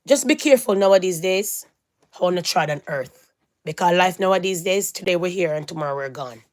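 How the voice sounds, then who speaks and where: A middle-aged woman vlogger, with a fairly low pitch, lively intonation, and a slightly fast pace, preaches casually to her viewers. She drives points home by repeating herself, moving from loud declarations down to hushed warnings.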